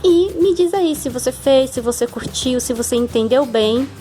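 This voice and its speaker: A woman's voice: sits high, animated, normal speed, mellow, soft background music. A Brazilian woman teaching a hand-sewing craft lesson, patient and step-by-step, often checking in with the viewer. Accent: Brazilian Portuguese. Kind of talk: hands-on sewing tutorial.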